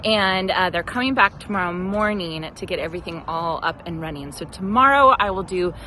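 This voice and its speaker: A woman's voice: lowish voice, lively intonation, fairly quick, sharp tone, a little hiss or hum, low-quality recording. A woman hosting a garden vlog, gushing with breathless enthusiasm as she walks the camera around her garden outdoors. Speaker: garden channel host. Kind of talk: excited vlog walkthrough.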